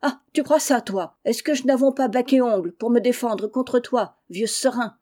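A woman voicing a shrill, scolding old peasant wife who speaks in rustic speech. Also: normal speed, dark tone, close to an everyday voice. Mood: furious.

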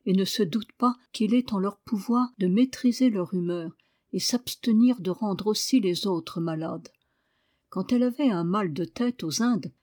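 An audiobook reader, a woman with a mid-range voice, reads a novel aloud as scripted narration, measured and even in her storytelling.

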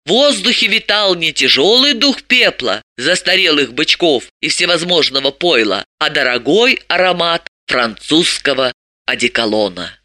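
An audiobook reader tells the story with animated, expressive delivery. The voice is bright and ranges widely in pitch. The recording is dry and close. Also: normal speed, no room sound. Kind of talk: audiobook narration.

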